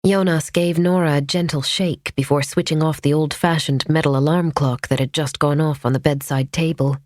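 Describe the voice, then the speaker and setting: A woman narrating a mystery thriller audiobook in a measured, tense storytelling manner. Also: low-pitched, fairly even intonation, a little mellow, no echo. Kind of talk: scripted narration. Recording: dry studio audiobook.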